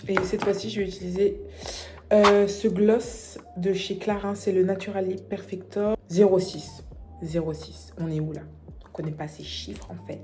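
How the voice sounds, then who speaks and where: A young woman chatting casually through a makeup tutorial, playful and self-mocking with quick asides. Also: mid-range voice, fairly even intonation, warm tone, soft background music. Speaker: beauty vlogger.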